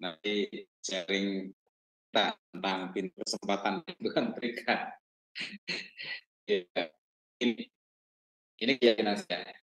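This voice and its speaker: A man's voice: fairly low pitch, takes it slowly, pauses often, fairly bright tone, rough recording. A man, a pastor, answering a question in an online discussion while his voice breaks up over an unstable connection. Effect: voice breaking up over an unstable online call.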